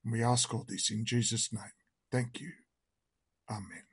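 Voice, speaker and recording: Slow and reverent, a man with a hoarse, croaky voice reads a hymn and prays earnestly while leading an online worship service. His pitch is medium, his intonation fairly even, and the recording is dry.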